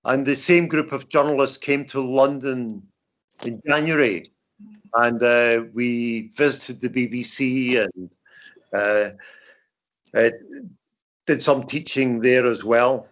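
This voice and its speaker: An older man with a broad Scottish accent giving an informal talk as a veteran journalist, halting and repeating words. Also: mid-range voice, fairly even intonation, fairly bright tone. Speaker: veteran journalist, guest speaker. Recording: dull lo-fi call audio.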